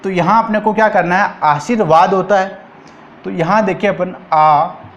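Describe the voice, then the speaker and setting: Rajasthani guy teaching hindi grammar, highish voice, says every word twice and keeps asking the class. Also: lo-fi sound. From India. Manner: repeats each word slowly and asks the class questions. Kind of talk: exam-prep grammar lesson.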